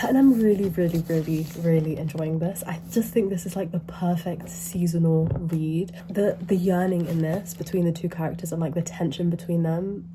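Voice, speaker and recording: A woman's voice: on the low side, background noise. Stuffy-nosed young woman chatting casually. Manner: rambling, upbeat, fills speech with "like". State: congested, stuffy nose, short of breath. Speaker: book vlogger. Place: at home in front of a bookshelf.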